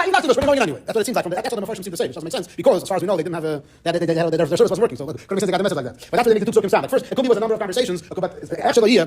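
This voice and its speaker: Fast-talking rabbi with a husky voice. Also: male voice, high-pitched, a little mellow. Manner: retells the story briskly, acting out dialogue; mixes Hebrew and Yiddish terms into his teaching. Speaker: rabbi teaching a class. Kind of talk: Torah class lecture.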